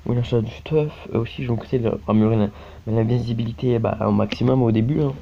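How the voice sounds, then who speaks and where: Speaking fast in a creaky, medium-pitched voice with fairly even intonation, this French YouTuber keeps up loose let's-play commentary on a mobile game, thick with fillers and recurring tags. Captured on a phone screen-recording mic, it sounds dull and lo-fi, with faint hiss in the background.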